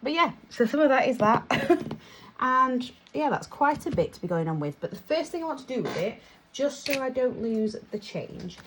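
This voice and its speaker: Slight background noise sits behind this young British woman, a UK vlogger whose fairly low voice carries a casual, rambling chat. She laughs at herself while counting and sorting her money.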